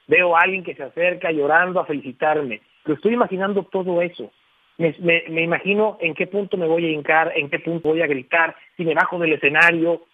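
A husky, somewhat high-pitched man speaks emphatically as a radio guest, checking in with the listener through frequent tag questions. He comes through a tinny, dry phone line. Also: fairly even intonation, brisk, no echo. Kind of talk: phone-in radio interview, explaining. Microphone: telephone.

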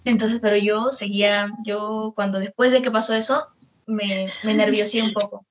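A woman's voice: medium pitch, fairly even intonation, moderate pace, a little hiss or hum. A young woman, a singer, chatting in an interview and telling anecdotes with many fillers. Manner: storytelling, many fillers like "este". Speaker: guest singer. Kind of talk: casual interview chat.

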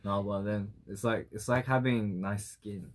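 A man's voice: on the low side, steady tone, normal speed, slight background noise. A man with an Australian accent co-hosting a casual chat, talking with many fillers and restarts. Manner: hesitant English with many fillers. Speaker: radio co-host.

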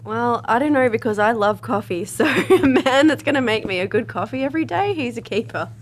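An Australian-accented woman with a fairly high voice talks casually as a guest in a group conversation. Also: animated, a little fast, slight background noise.

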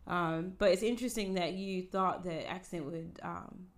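A woman's voice: fairly low pitch, fairly even intonation, normal speed. An American woman chatting casually, peppering her talk with "like" and "um". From United States. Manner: chatty, full of "like" and "um". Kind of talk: casual chat.

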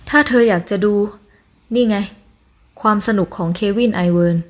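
A woman voicing a blunt young shop manager with a husky voice. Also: a little high, lively intonation, brisk. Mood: bitter. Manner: serious, blunt.

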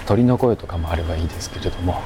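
A man with a fairly low voice chats to his podcast listeners while walking outside. He speaks softly, as if not to be overheard in quiet surroundings, in an unhurried, reflective ramble. Clear ambient noise sits behind his voice. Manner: hushed, keeping voice low in quiet public surroundings. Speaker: amateur podcast host. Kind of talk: casual solo podcast monologue recorded while strolling. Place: outdoors, walking through a park-like area. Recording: noisy outdoor recording with ambient hum.

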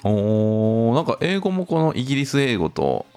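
A low-pitched man with a gravelly yet smooth, resonant voice co-hosts a casual podcast. He mostly reacts with short interjections and curious questions. Faint music sits in the background. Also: sing-song, normal speed, darkish tone. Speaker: podcast co-host.

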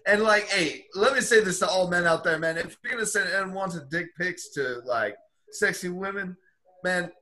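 Bright, high-voiced young man. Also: moderate pace. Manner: animated, laughing, says "man" a lot. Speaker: podcast co-host. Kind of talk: casual chat.

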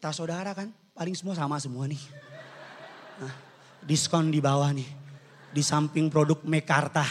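A man preaching as a pastor, animated and joking, swinging from quiet asides to loud shouts. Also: fairly high pitch, slightly rough. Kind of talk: sermon. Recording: long church-hall reverb.

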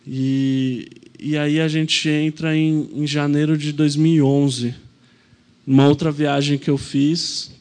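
A pastor, preaching through a heartfelt personal testimony. His voice sits a little high for a man. He tells the story in an earnest, reflective way. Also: little pitch movement, slow pace, darkish tone.

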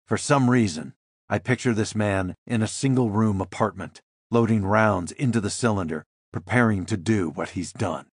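Husky-voiced man narrating a thriller. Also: on the low side, normal speed, dry recording, clean studio sound. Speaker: audiobook narrator. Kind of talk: first-person thriller narration.

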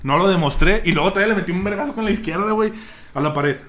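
A young man with a Mexican accent, telling friends a story in a casual, slang-heavy, animated way. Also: high voice, racing. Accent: Mexican Spanish. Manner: vulgar slang-heavy, animated retelling with laughs.

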